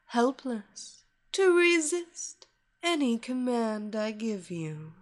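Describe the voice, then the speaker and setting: A woman voicing a commanding, seductive female hypnotist who draws her listener into her power with a slow, soothing, repetitive cadence. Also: a little high, heavily acted. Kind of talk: hypnosis story reading.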